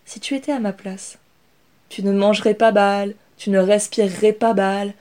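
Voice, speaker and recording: Woman reading as young rat girl, calm, assured, mellow. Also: mid-range voice, moderate pace, natural voice. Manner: calm, steady.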